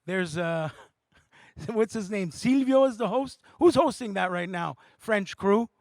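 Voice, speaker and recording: A man doing stand-up comedy, animated and quick to switch voices. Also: high-pitched, dry recording, studio quality. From Montreal, Canada. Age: 40s. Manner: animated, jumps between voices and languages. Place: theatre studio.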